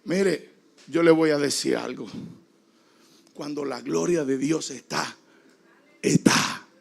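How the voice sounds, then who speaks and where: Gravelly-voiced man preaching a sermon. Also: on the high side, takes it slowly. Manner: dramatic preaching, acting out quoted voices, shouting peaks. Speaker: pastor. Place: church.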